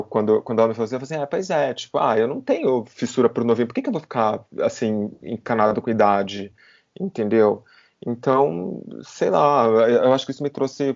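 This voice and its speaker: A man's voice: mid-range voice, a little mellow. A man in his thirties hosting a podcast, thinking aloud in a reflective, hesitant way, often repeating words and restarting. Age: 30s. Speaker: podcast host. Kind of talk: reflective casual chat. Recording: slightly dull podcast audio.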